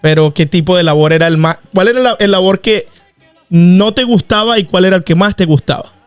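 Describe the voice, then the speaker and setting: Podcast host, higher-pitched and chatty, prods his guest with fillers; dry mic, soft music. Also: fairly quick, clean tone, no echo. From Venezuela. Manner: friendly, prodding questions with many fillers. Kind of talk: casual podcast interview.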